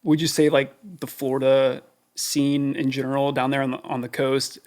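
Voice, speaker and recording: A man's voice: medium pitch, flat delivery, moderate pace, a little mellow. A man hosting a studio interview, asking loose, rambling questions full of fillers. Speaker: interview host. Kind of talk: casual interview chat. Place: recording studio.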